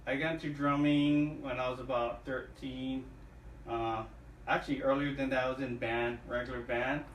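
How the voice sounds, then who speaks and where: A man's voice: medium pitch, flat delivery, normal speed, slight background noise. Easygoing man from Hawaii, roomy far mic. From Oahu, Hawaii. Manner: easygoing, hesitant with many uhs. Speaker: guest, drummer. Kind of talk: casual interview answers.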